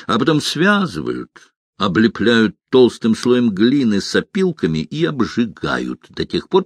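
A man's voice: mid-range voice, no echo, studio quality. A man voicing a fussy, nervous male innkeeper.

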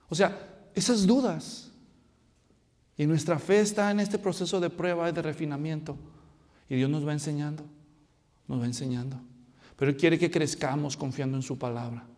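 A man preaching a sermon to his congregation, acting out Bible scenes and swinging between soft, low asides and loud, excited lines. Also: in a large hall. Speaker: pastor. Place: church hall.

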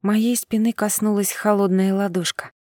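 A woman's voice: mid-range voice, fairly even intonation, moderate pace, a little mellow, no echo, clean studio sound. Woman reading a first-person audiobook. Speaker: audiobook narrator. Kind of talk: first-person scripted narration.

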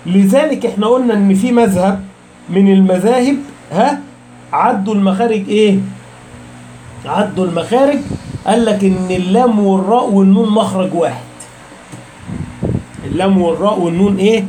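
A man with an Egyptian accent giving a lecture as a recitation teacher, posing questions to his students and answering them himself, slowing down to stress key terms. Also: sits high, mellow, slight background noise. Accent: Egyptian Arabic. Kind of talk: explanatory lecture.

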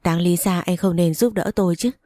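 A woman reads a romance story aloud in a steady, even voice. Her tone is low and warm, recorded close with no room sound. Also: brisk, dry recording. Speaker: story narrator. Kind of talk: scripted narration of a romance story.

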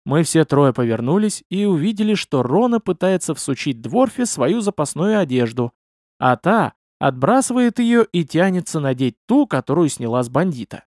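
Male storyteller, first-person audiobook, lively swooping pitch, dry close sound. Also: normal speed, no room sound. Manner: expressive, animated storytelling. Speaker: narrator.

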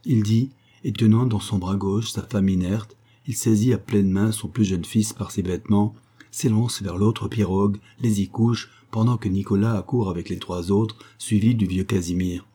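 Dark-voiced man narrating an adventure audiobook. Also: fairly low pitch, moderate pace, slightly rough. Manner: steady dramatic reading.

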